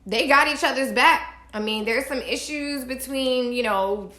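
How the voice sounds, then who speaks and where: Her pitch sits high and her pace is measured, giving her a bright yet forceful sound. Recording indoors at home in an echoey space, the astrology vlogger lectures her audience emphatically on spiritual matters, cursing offhandedly as she goes.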